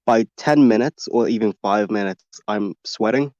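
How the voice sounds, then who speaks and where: Low-voiced man, blunt and swearing. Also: normal speed, a little mellow. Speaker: voice actor. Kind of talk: casual chat. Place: foam-lined small closet. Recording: dull lo-fi home recording.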